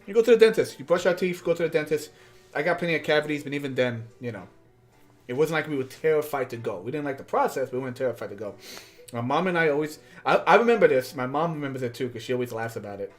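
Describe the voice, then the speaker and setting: Working on a craft build, this streamer talks quickly in a mid-range voice with lively intonation. His casual chat wanders with fillers and asides, over faint background music.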